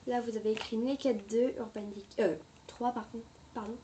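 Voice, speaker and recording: A woman chatting casually through a makeup review, hesitant and quick to apologize, recorded on a camera mic at home. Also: fairly high pitch, steady tone, dark tone, slight background noise. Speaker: beauty vlogger.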